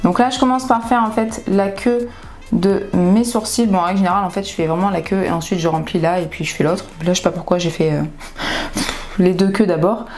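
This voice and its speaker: A woman's voice: mid-range voice, fairly even intonation, a little fast, darkish tone, faint music behind. A woman beauty vlogger with a groggy morning voice, chatting casually through a makeup tutorial. She is candid and often trails off and restarts her sentences.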